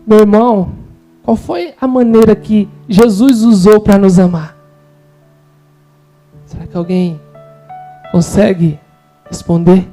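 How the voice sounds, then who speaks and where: Fervent high-voiced Brazilian man preaching. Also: darkish tone, low-quality recording. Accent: Brazilian Portuguese. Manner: fervent, quotes scripture and acts out disciples' lines. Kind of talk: sermon. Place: church.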